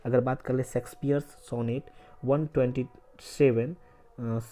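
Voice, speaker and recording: A man's voice: medium pitch, fairly even intonation, a little slow, warm tone. A male teacher giving an exam-prep literature lesson in Hindi mixed with English, asking a question and answering it himself again and again. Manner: repeats points as quiz questions and answers them; spells out words letter by letter.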